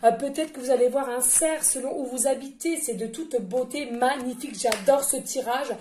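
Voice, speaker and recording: A woman's voice: high-pitched, normal speed, dark tone, reverberant, a little hiss or hum. A woman medium giving a casual, rambling oracle card reading, chatting and laughing with her listeners as friends.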